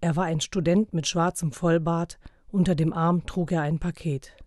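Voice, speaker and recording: A man narrating a storybook in an even, measured voice. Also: fairly high pitch, no echo, studio quality. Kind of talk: storybook reading.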